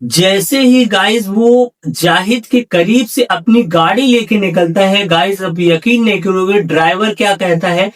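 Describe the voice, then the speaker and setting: A man's voice: high voice, measured pace, few pauses. A man narrating a horror story in a casual spoken way, often calling his listeners "guys", recorded from a distance off the mic.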